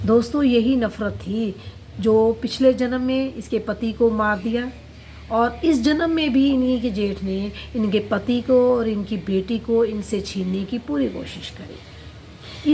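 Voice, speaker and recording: A woman's voice: medium pitch, darkish tone, a little hiss or hum, rough recording. A woman therapist telling the story of a client's past-life regression session, quoting the client and herself in turns.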